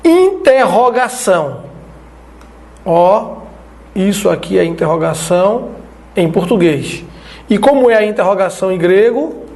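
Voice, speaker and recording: A man from Brazil teaching an online Biblical Greek lesson, explaining slowly and checking in with his listeners as he writes on the screen. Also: high voice, big pitch swings, vocal fry, a little mellow.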